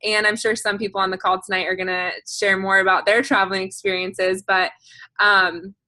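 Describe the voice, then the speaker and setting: A woman's voice: medium pitch, little pitch movement, moderate pace, sharp tone, no room sound. A woman hosting a group video call, giving a chatty, emphatic and informal sales presentation. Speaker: host of a group business call.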